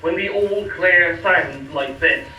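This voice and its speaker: Man as formal announcer, echoey and distant. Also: high voice. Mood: formal, measured. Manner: measured, formal. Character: formal male government civil-defence announcer. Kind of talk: scripted public information announcement. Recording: echoey, distant, noisy playback.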